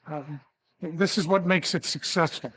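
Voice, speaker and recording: An older man from Tanzania, a pilot and ministry founder, giving a measured, earnest testimony with occasional fillers. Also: a little high, a bit bright, breathy edge. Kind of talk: testimony interview.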